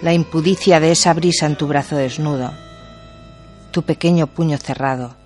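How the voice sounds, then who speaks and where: A man recites poetry on the radio in a grave, deliberate cadence. His voice sits slightly high, and soft music plays faintly beneath him. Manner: measured, grave, deliberate reading. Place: radio studio. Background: faint music underneath.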